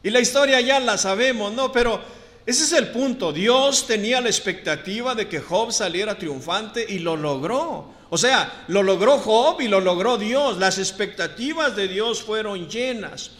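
A man's voice: high voice, lively intonation, unhurried, fairly bright tone, in a large hall. A man preaching a sermon to his congregation, drawing out key words for emphasis and calling them brothers.

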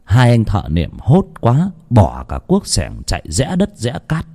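Expressive male ghost-story narrator. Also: unhurried, vocal fry, breathy edge. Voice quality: expressive, varied in pitch. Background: faint music.

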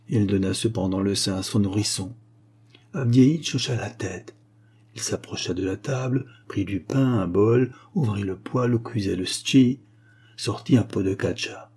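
A man narrating a classic story in a calm, measured way. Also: medium pitch, breathy edge. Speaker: audiobook narrator.

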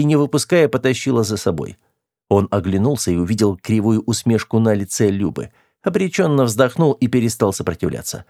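Steady male audiobook narrator, dry sound. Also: lowish voice, no echo.

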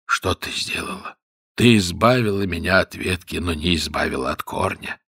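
Man voicing a deep, husky, whispery king faking weakness; dry close read. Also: steady tone, a bit bright, no room sound, full character voice. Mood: weak, commanding. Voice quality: faint, whispery, halting. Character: bewitched king feigning weak sickly voice.

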